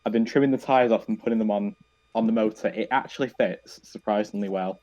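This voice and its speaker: A man's voice: on the low side, fairly quick, a little mellow, highs cut off. A man chatting casually about his robot build as he works, self-mocking and trailing off mid-sentence. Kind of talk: casual commentary while working.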